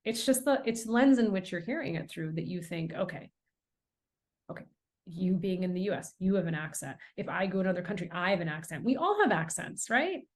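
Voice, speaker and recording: A middle-aged American author, a guest on a podcast interview, tells stories in an earnest, emphatic and animated way. Her voice is lowish and fairly quick.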